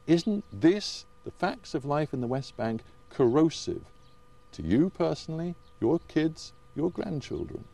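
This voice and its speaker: A man conducting a confrontational television interview, probing and challenging with deliberate, emphatic phrasing. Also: on the high side, very animated, gravelly, mellow. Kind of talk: confrontational current affairs interview.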